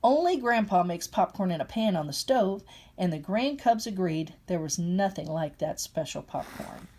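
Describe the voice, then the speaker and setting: A woman's voice: on the low side, normal speed. Older woman reading a storybook aloud. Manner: animated, chatty asides. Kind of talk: storybook read-aloud with asides.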